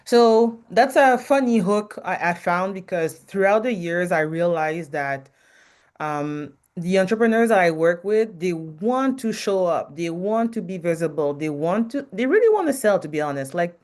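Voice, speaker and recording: A loud, outspoken French-Canadian woman who works as a marketing advisor appears as a podcast guest, discussing her job candidly. Her low-ish voice is expressive and moderately paced, broken up by frequent ums as she hunts for words in a plain interview style.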